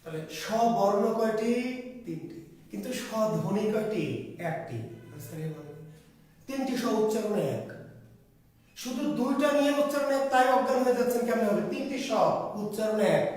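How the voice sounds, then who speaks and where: High-voiced male teacher in an echoey room. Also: normal speed, a little mellow. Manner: quizzes listeners with repeated questions and answers. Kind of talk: classroom grammar lesson. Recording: very echoey room, far from the mic.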